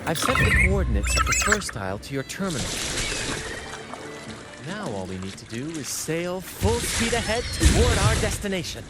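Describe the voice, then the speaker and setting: A playful young male adventurer of the high seas for a video game. His voice is on the high side and swings expressively, with theatrical self-assurance. Music is loud behind him. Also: very animated, moderate pace. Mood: eager. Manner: theatrical, teasing.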